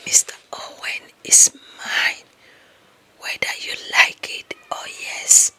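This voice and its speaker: In a breathy, whispered ASMR roleplay, a woman with an African accent plays a possessive, lovestruck young office employee who coaxes and fawns with slow emphasis. Her voice is bright with a forceful tone, and the mood is possessive and insistent.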